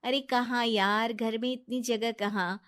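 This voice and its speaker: A woman voicing a trusting, kind-hearted young wife who speaks earnestly and gently. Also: fairly high pitch, steady tone, unhurried.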